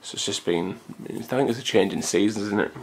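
A man's voice: on the low side, brisk, gravelly, breathy edge. A man, chatting casually to his own camcorder at home in a rambling way. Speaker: vlogger. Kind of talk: casual chat to camera. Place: hot room at home. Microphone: camcorder built-in mic.

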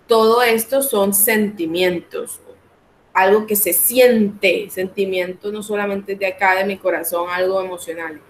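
A woman's voice: medium pitch, fairly even intonation, reverberant, slight background noise, low-quality recording. Colombian woman teaching English online. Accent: Colombian Spanish. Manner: explains in Spanish, slows down to model English phrases. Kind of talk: online class lecture.

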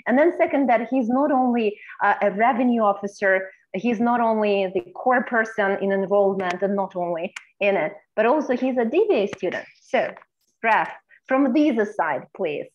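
A woman's voice: medium pitch, lively intonation, moderate pace, muffled recording. A woman moderating an online roundtable as faculty, encouraging and calling on speakers by name. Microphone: video call.

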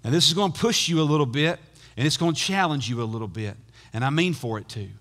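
High-voiced pastor preaching. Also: male voice, lively intonation, fast talker, big-room sound. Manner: dynamic, swings between loud emphatic bursts and hushed intensity. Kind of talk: sermon.

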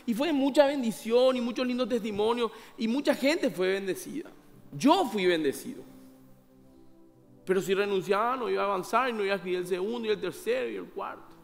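High-voiced pastor preaching in a hall. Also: male voice, lively intonation, a little fast, gravelly, faint music behind. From Paraguay. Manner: conversational preaching with rhetorical questions and acted-out dialogue. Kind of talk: sermon. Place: church hall.

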